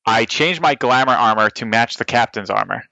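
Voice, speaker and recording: A man plays a tabletop game, chatting casually and eagerly declaring his moves. His voice is bright and forceful, mid-pitched, on slightly dull, dry audio. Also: moderate pace, gravelly, dry recording. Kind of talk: casual, animated game talk.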